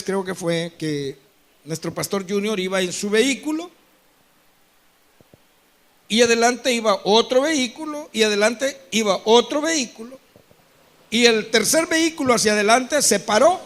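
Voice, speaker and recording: A man preaching a sermon with a Salvadoran Spanish accent, telling stories animatedly, acting out dialogue and breaking into shouts, often checking in with his congregation. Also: high voice, a little slow. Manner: animated storytelling with frequent asides to the congregation; acts out quoted dialogue and bursts into shouting. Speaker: pastor.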